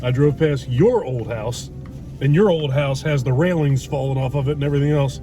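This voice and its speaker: In a driveway, inside his parked car, a middle-aged food vlog host rambles bluntly in casual conversation, cursing mildly. His medium-pitched voice moves a little fast over music, with road hum filling the noisy interior.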